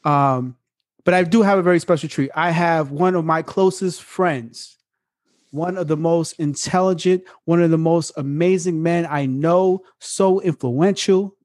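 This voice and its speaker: Guy hosting a podcast, kinda high voice, playful and jokey, swears a bit, dry close mic. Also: unhurried, darkish tone, dry recording. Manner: playful, joking, swears, mock radio voice. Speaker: podcast host. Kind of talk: casual podcast chat.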